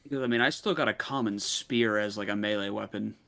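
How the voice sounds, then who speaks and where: A man's voice: on the low side, a little fast, bright, forceful tone. A man playing a tabletop role-playing game, talking casually and partly in character. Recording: clear background noise, keyboard typing.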